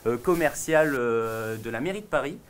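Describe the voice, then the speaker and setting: A young man hosting a casual news chat show, relaxed, with frequent pauses and fillers. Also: medium pitch, slight background noise. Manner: relaxed, hesitant, many fillers. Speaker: host.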